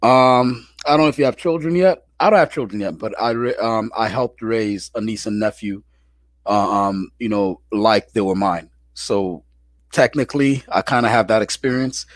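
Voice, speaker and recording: A man's voice: fairly low pitch, moderate pace, dry recording, studio quality. A man hosting a casual call-in chat, talking in a laid-back, slangy way with frequent restarts. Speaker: show host.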